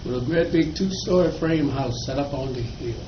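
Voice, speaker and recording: With a chuckle, an older man from Virginia tells slow, reminiscing, folksy stories from his childhood as an oral history interviewee. He has a medium pitch and a moderate pace. The clip has dull lo-fi sound, echo from the room, and faint noise.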